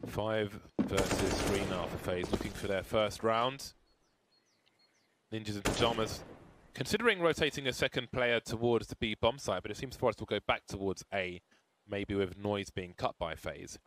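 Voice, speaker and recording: Excited esports play-by-play man. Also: on the low side. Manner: quick, playful, rising to excited calls. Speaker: play-by-play caster. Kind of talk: esports commentary. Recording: noisy broadcast with game sounds behind.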